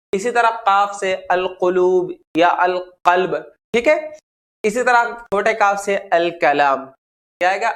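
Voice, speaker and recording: A man teaching a grammar lesson, asking the class questions and answering them himself, slowing down to spell out each example word. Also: high-pitched, fairly bright tone. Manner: slows down to spell out example words. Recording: noisy recording.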